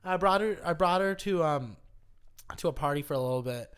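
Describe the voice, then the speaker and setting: A man's voice: a little high, expressive, fairly quick, a bit bright, clean tone. A young American man co-hosting a podcast, telling a rambling, swear-heavy story with lots of laughing. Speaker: podcast co-host. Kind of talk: casual chat.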